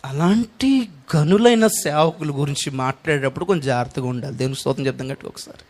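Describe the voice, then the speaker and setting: A man preaching a sermon, swinging between loud cries and hushed pleading. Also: a little high, fast. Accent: Telugu. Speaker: pastor.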